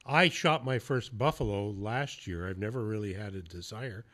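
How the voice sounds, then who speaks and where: Fairly bright in tone but on the low side, the voice moves at a moderate pace. He's a podcast host swapping hunting tales in relaxed interview chat, cursing occasionally and breaking into laughs.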